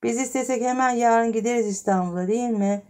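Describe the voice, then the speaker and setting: A woman's voice: on the high side, quick pace, warm tone, pitched above the performer's own voice, natural voice. A woman voicing a spoiled little boy who asks proud, eager questions in an audiobook story. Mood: boastful.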